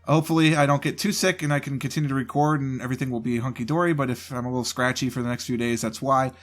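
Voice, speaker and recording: Rattling off a channel update at a racing pace, this gaming host sounds congested from a cold, his medium-pitched voice holding a fairly even intonation. He's casual and rambling, often interrupting himself. The home desk mic captures just his voice.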